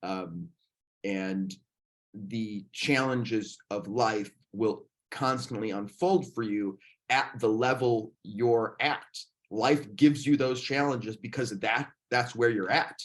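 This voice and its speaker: A man's voice: fairly low pitch, slow pace. A man hosting a podcast in casual conversation, thinking aloud in a reflective way with frequent restarts. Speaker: podcast host.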